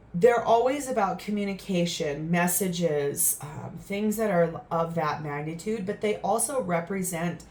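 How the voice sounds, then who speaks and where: Soft-spoken woman tarot reader. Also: on the low side. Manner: gentle, earnest, reflective with fillers. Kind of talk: tarot reading monologue.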